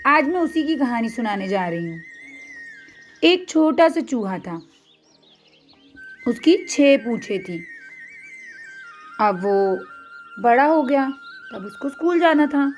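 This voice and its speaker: A young woman storyteller narrating a tale for children, slow, clear and expressive. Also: high voice, faint music behind.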